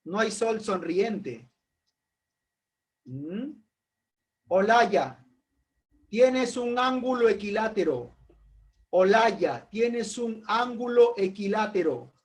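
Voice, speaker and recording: A man's voice: high-pitched, animated, extremely slow, long pauses. A man teaching a philosophy class in an informal way, calling on students by name, asking rhetorical questions and making jokes.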